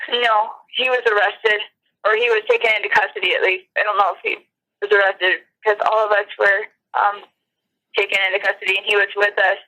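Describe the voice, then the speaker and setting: Woman, shaken eyewitness, halting restarts, bright voice, tinny phone line. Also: medium pitch, steady tone. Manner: shaken, rambling with many restarts. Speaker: eyewitness interviewee. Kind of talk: phone interview testimony.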